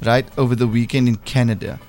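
A man's voice: mid-range voice, fairly even intonation, fast, darkish tone. A man with a broad South African accent, hosting a casual breakfast radio quiz in a playful, teasing way. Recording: music bed behind the voice. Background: music.

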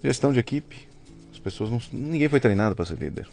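A man with a Brazilian accent, a business mentor speaking as a guest in a casual interview, blunt and excitable, swearing freely. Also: mid-range voice, quick pace, gravelly, faint music behind. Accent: Brazilian Portuguese.

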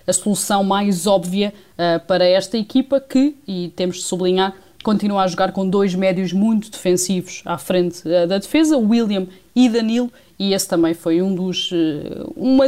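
Female Portuguese sports reporter, mid-pitched. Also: fairly quick, few pauses, a little mellow. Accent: European Portuguese. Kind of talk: live radio match analysis.

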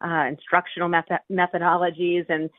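Woman, radio interview guest, low pitch, tinny phone line, dry, earnest and steady. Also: fairly quick, no room sound. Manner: earnest, steady, with frequent fillers.

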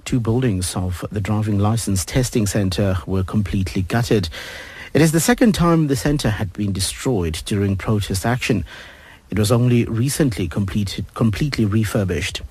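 A man reads a scripted news bulletin in a fairly low voice. It has a husky grain and is recorded dry and close. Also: normal speed, darkish tone, no room sound. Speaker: radio news reader.

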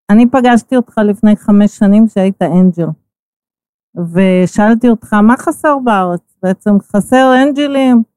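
A woman's voice: fairly high pitch, mellow, dry recording. Woman interviewer, direct curious questions, dry close recording.

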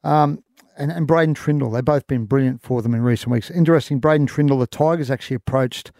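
Fast-talking mellow Australian man. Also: mid-range voice, dry recording, clean studio sound. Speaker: sports radio panellist. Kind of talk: casual sports commentary chat.

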